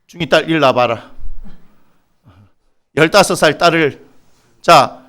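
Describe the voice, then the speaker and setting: A man's voice: a little high, a little slow, a bit bright. A middle-aged Korean pastor with a Gyeongsang accent preaching a sermon, teasing his congregation by name and bursting into mock exasperation.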